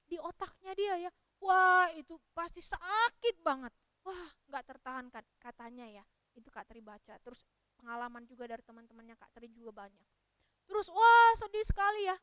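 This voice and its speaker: A woman Sunday school teacher telling a story to children in a lively way, often speaking to them directly. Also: very high-pitched, no echo.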